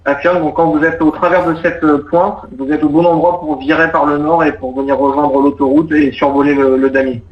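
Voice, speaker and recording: A man's voice: fairly high pitch, flat delivery, brisk, few pauses. Man as air traffic controller, roomy muffled radio. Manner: procedural, courteous, explanatory. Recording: muffled roomy radio audio, faint noise.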